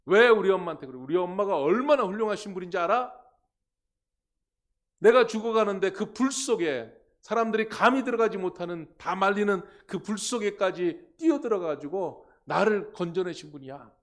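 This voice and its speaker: A pastor voicing an upset young boy who shouts angrily and whines at his mother in a higher, louder voice. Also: animated, normal speed. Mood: proud defiant. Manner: angry, whiny shouting.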